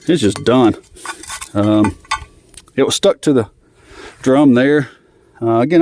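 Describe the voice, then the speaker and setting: Working on an old truck, a man keeps up a laid-back, breathless running commentary full of fillers and rambling. His medium-pitched voice is mellow, with no room sound.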